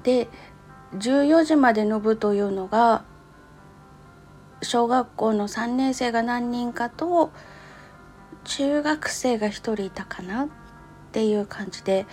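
A woman's voice: on the high side, measured pace, a little mellow, soft background music. A woman with a cute, anime-like voice talks casually and politely in short phrases, recounting her experience in a personal audio diary.

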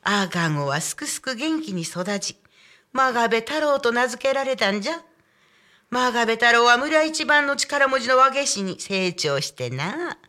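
A woman with an Ibaraki dialect tells an old folk tale on a radio show, her voice bright and sharp. She swings widely up and down as she shifts between narrator and characters. Afterward she chats with the host in the same lively way. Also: on the high side, unhurried. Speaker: guest storyteller. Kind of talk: folk tale telling in dialect, then casual chat.

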